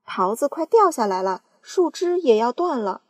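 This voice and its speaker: A woman voicing a fat, greedy aunt who yells loudly in a storybook reading. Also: sits high, sing-song, normal speed, breathy edge, no room sound, studio quality, pitched above the performer's own voice, full character voice. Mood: alarmed. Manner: loud, yelling.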